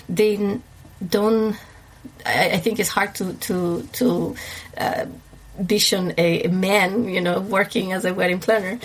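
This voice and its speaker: A woman with an Ecuadorian Spanish accent talks through a podcast interview in a chatty, warm way, her voice a little stuffy from allergies. Spanish is her first language, and she fills her sentences with "um" and soft laughs. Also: lowish voice. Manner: warm, chatty, laughs often, many fillers. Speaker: guest, wedding planner.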